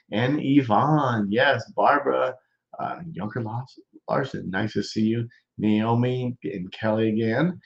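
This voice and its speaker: A male host with a congested voice talks through a live show in a halting, stop-start way, pausing often before he goes on. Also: mid-range voice. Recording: dull lo-fi sound.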